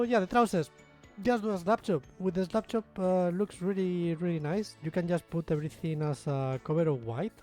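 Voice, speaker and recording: A man's voice: a little high, mellow. A young man with a Spanish accent, explaining his miniature painting in a rambling, self-deprecating way with lots of fillers. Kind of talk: casual tutorial talk.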